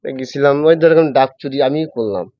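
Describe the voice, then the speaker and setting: A man from Bangladesh, an interview guest, performing lively regional village dialects in casual talk. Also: mid-range voice, moderate pace. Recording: dull, dry lo-fi sound.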